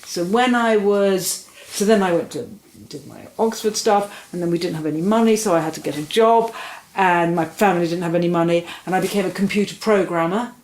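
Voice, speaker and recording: Animated woman in her sixties, lower voice. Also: fairly quick. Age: 60s. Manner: animated, rambling storytelling with restarts. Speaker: interview guest. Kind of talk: casual conversational interview. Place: room in a house. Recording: roomy, faint ambient noise.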